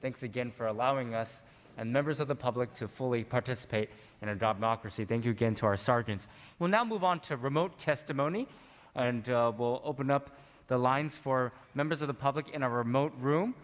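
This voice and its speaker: A man chairing a legislative committee hearing, speaking in a measured, formal way with the odd filler as he moves through procedure. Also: medium pitch. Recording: long reverb of a large chamber.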